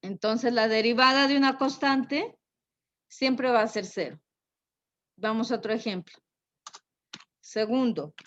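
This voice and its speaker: A woman teaching a math lesson, unhurried and thinking aloud, often checking in with a quick tag question. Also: a little high, a bit bright. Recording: dull lo-fi recording.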